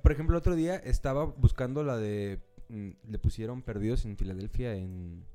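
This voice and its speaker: A man's voice: mid-range voice, brisk, dark tone, smooth, soft background music. A young man with a Mexican accent co-hosting a casual podcast, rambling and saying "güey" after nearly every phrase. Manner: rambling, says "güey" constantly. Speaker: podcast co-host. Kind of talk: casual chat.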